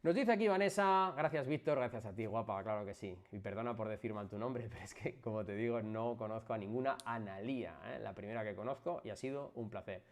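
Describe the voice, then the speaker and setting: A man from Spain with a Spanish accent, a physiotherapist chatting casually with viewers on a live stream, energetic and emphatic, jumping from loud bursts to soft asides. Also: on the low side, brisk, hardly any pauses.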